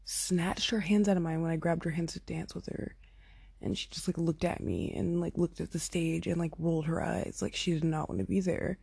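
Chatty young woman with a husky voice. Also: lowish voice, fairly even intonation, brisk, warm tone, no room sound. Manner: chatty, lots of "like" and "oh my God", acts out quotes. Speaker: podcaster telling a concert story. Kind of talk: casual storytelling. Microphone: phone.

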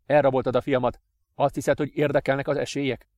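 A man voicing a desperate father, loud, defiant and pleading. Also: mid-range voice, little pitch movement, dry recording, lightly acted.

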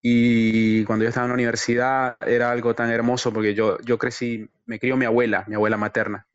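A man's voice: mid-range voice, flat delivery, a little fast, smooth, dry recording. A Venezuelan man in his thirties, an interview guest, talking earnestly and hesitantly with many repeated words. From Venezuela, Zulia. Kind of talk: casual remote interview. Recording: dry, dull lo-fi call audio.

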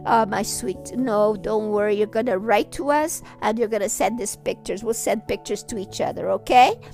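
Woman playing a gentle, tender old grandmother. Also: mid-range voice, measured pace, vocal fry, faint music behind, voice pushed down. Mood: soothing. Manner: gentle, coaxing reassurance.

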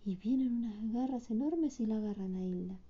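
A woman's voice: fairly high pitch, brisk, mellow, husky. A woman casually retelling a storybook and doing voices for the characters, on a dull lo-fi recording.

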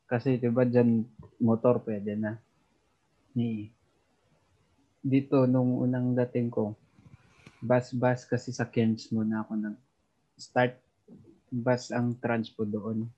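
A man from the Philippines talks casually as a podcast guest about life working abroad, chuckling now and then. His voice sits at an ordinary pitch, and the recording sounds dull and lo-fi. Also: little pitch movement, slow pace, pauses often, warm tone. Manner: chatty, chuckles while talking. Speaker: overseas worker guest.

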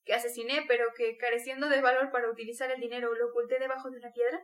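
A woman's voice: on the high side, flat delivery, very fast, lightly acted. A woman reading the part of a brooding, tormented young male student in an intense, bitter confession. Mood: scornful.

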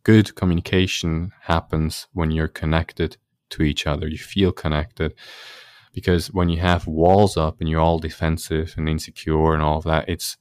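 A man's voice: extremely low pitch, flat delivery, normal speed, darkish tone, smooth, dry recording. A man speaking as a relationship coach in an interview, explaining earnestly and laughing easily. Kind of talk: conversational interview answer.

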